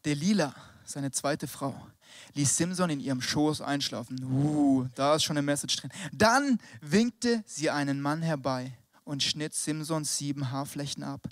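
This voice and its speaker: A young male preacher with a high voice, giving a casual youth sermon that drops to near-whispers and then climbs into shouted exhortation. His German is slangy and sprinkled with English words. The sound is dry and close. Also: a little slow, no echo.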